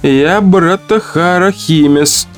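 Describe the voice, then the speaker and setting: A man reading aloud, voicing a fierce young woman who tames monsters in a high, solemn, insistent voice. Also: takes it slowly, faint music behind.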